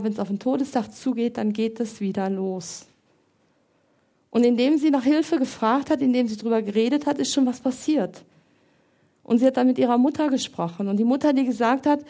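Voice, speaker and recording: A middle-aged woman, an educator, giving a calm, reflective talk to an audience, telling stories and quoting others. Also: fairly high pitch. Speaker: educator speaking on grief.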